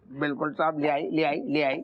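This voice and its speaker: A man's voice: a little high, level tone, moderate pace, dull audio, close to an everyday voice. A man acting as a rustic police officer who speaks deferentially to his boss. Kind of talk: sitcom acting.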